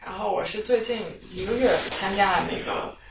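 A woman's voice: mid-range voice, moderate pace, gravelly. A woman hosting a casual podcast chat, asking playful questions. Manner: chatty, asks playful questions. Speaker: podcast host. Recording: roomy, distant mic with noise.

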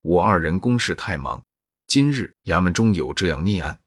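A man's voice: deep voice, lively intonation, moderate pace, breathy edge, no echo, clean studio sound. A man voicing anxious male yamen constables in a storybook reading. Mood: worried. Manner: anxious, sighing.

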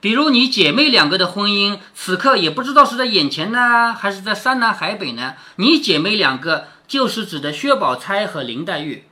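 A man reads a classic novel to his daughter and breaks off to explain it in plain, chatty words. He keeps checking in with questions, and his bright voice swoops up and down. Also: sits high, big pitch swings, normal speed, few pauses. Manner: chatty, asks the listener questions. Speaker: father reading aloud to his daughter. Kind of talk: casual storytelling with explanations.

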